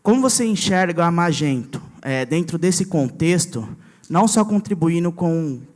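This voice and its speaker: A man in the audience asking a hesitant, halting question with fillers. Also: fairly high pitch, lively intonation, darkish tone.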